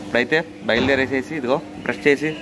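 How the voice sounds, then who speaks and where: A man's voice: mid-range voice, fairly even intonation, quick pace, noisy background. A man chatting casually to his viewers in a vlog. He laughs often and keeps coming back to the same stock phrases. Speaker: vlogger. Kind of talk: casual travel vlog chat.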